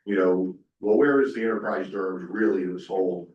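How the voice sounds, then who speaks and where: The recording is muffled, with slight background noise and an echoey conference room, and the panelist is far from the mic. His low-pitched voice moves fairly quickly through a casual, folksy presentation packed with fillers.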